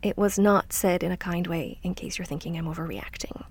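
A middle-aged woman hosting a scripted self-help podcast, speaking softly and reflectively, often trailing into a near-whisper. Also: lowish voice, a little fast, breathy edge, no echo. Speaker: podcast host.

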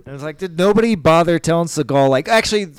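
A man hosting a podcast, reviewing a movie in casual chat, laughing loudly and swearing a lot. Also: on the high side, expressive, quick pace. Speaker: podcast host.

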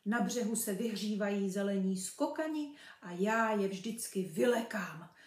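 A woman reading a children's storybook aloud with lively, expressive narration. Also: mid-range voice. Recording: roomy, from a distance.

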